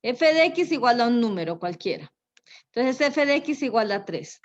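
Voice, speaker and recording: A woman teaching a math lesson, unhurried and thinking aloud, often checking in with a quick tag question. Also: on the high side, big pitch swings. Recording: dull lo-fi recording.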